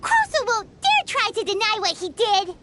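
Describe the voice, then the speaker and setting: An actress voicing a small, cheeky girl companion in a video game who talks quickly and teases. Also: extremely high pitch, very animated, loud music behind the voice. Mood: chirpy. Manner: quick, chirpy and teasing.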